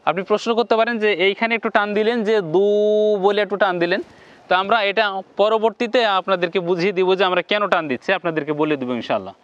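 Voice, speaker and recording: A man with a fairly high voice teaches Quran pronunciation, sounding out each syllable slowly and repeating it so learners can follow. He thickens the Arabic sounds with a heavy nasal tone. The recording is dry and a little dull. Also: fairly bright tone, no room sound. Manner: slow, repeats syllables for viewers to copy. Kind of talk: step-by-step lesson on pronunciation.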